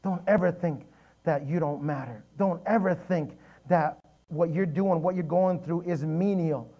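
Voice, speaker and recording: Man, preacher, high voice, emphatic repeated phrases, slightly muffled sound. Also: measured pace. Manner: animated storytelling, emphatic repetition. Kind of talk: sermon. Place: church sanctuary.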